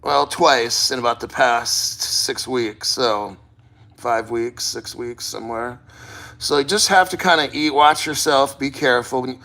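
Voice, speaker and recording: A man's voice: medium pitch, a little slow, gravelly, bright, forceful tone. A man talking casually in a first-person vlog, rambling and plain-spoken with frequent swearing. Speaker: vlogger. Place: sitting in a cold plunge.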